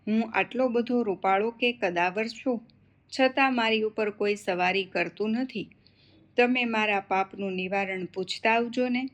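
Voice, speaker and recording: A woman's voice: medium pitch, unhurried, close to an everyday voice. A woman voicing a sad, big horse that pleads for help in a devotional story. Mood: pleading. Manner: pleading, sorrowful.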